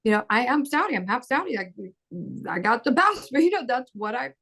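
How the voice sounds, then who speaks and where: With a slightly high, brisk voice, a thirty-something woman raised in Bahrain speaks on a panel as an actor. Her manner is animated and relaxed, full of laughter and acted-out quotes.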